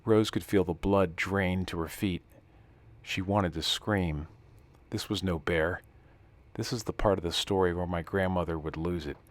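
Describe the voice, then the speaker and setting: A man narrating a scripted story in a calm, steady reading voice that drops to a hush in tense passages. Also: sits low.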